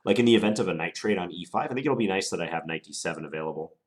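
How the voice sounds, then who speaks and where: A chess player with a very low, cold-congested voice commentates his own game, thinking aloud as he plays. He weighs each option in an unhurried, deliberate, musing way, with lively intonation.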